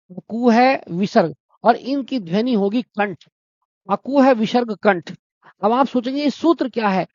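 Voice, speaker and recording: A man's voice: very high voice, darkish tone, no echo. A man teaching a Hindi exam-prep lesson, explaining step by step, asking his own questions and answering them, and calling his students brother and friends. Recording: dry, dull lo-fi sound.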